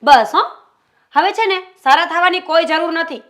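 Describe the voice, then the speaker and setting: An actress playing a jealous wife who accuses her husband in a family drama, sharp and sarcastic. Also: very high voice, normal speed. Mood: accusing. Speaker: suspicious wife. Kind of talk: Gujarati short-film family drama acting.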